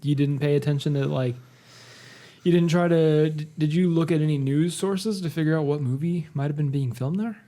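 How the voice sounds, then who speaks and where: A man's voice: a little high, moderate pace, warm tone. A young man, a guest on a podcast, chatting casually and rambling with lots of "like" and "uh". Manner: rambling, full of "like" and "uh". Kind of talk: casual chat.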